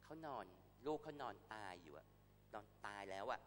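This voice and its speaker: A man's voice: on the low side, very animated, normal speed, fairly bright tone, slight background noise. Man, university lecturer, blunt and scolding, swears freely, long hall reverb. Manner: blunt, crude slang and swearing, ranting; scolding, warning students. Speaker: university Thai language lecturer. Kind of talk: classroom lecture.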